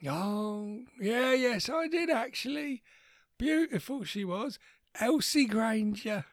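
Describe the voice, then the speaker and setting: A man's voice: very high-pitched, expressive, no room sound, studio quality, pitched above the performer's own voice, full character voice. Man doing a doddery old grandad. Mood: befuddled. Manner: confused, slow, quavering questions. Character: doddery forgetful old grandad, war veteran.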